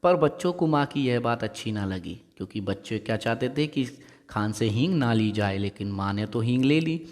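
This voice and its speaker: A male teacher walks his class through a story, retelling each sentence in simpler words and stopping to ask whether they have followed. His voice sits at an ordinary middle pitch. It carries a long, hall-like reverb, as if recorded in a large bare room. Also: animated, darkish tone. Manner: repeats and explains each line, asks quick checking questions. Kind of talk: explaining and reading a Hindi story lesson.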